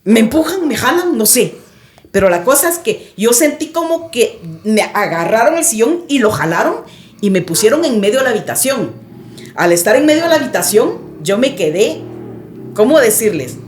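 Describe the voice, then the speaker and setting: Animated woman telling a dramatic story. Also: fairly high pitch, moderate pace, echoey room, a little hiss or hum. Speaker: guest. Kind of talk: recounting a personal story.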